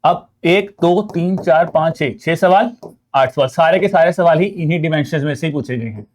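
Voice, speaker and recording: A man's voice: a little high, normal speed. A man with an Indian accent giving an online exam-preparation lecture, explaining step by step and often calling his viewers friends while mixing in English terms. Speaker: exam prep teacher.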